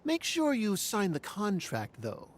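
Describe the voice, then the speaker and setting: An actor playing a smooth-talking adult male loan shark in a video game, with breezy, persuasive patter. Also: sits high, wildly swooping pitch, unhurried, slight background noise, exaggerated voice. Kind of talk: game voice acting.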